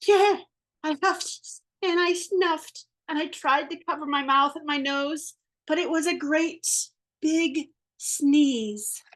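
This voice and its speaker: A woman reads a picture book aloud in first person as the wolf, playful and theatrical, adding sound effects and stretching out words. Her voice sits high and is a bit bright.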